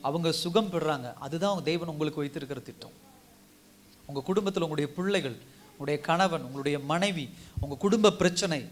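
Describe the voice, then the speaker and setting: High-pitched male pastor, exhorting sermon delivery with repeated phrases. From India. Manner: exhorting, repetitive preaching cadence. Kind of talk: Tamil sermon.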